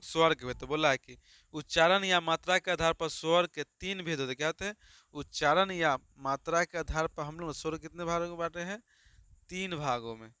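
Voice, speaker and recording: Bright, crisp male grammar teacher. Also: a little high, dry recording, studio quality. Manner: repetitive call-and-response questioning. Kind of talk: Hindi grammar lesson.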